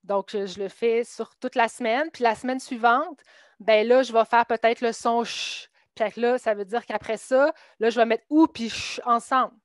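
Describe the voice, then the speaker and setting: This woman teaches literacy to adult immigrants and, at a teachers' meeting, explains her reading lessons step by step in a Québécois French accent, acting out what she tells her students. Her voice is somewhat high with fairly even intonation at normal speed, recorded in studio quality with no room sound.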